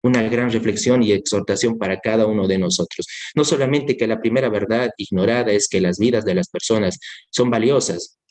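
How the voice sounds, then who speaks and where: A man's voice: on the low side, a little fast, a little mellow. A man preaching a sermon in earnest, repeating key phrases and speaking straight to his listener as a brother. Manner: addresses listener directly as brother.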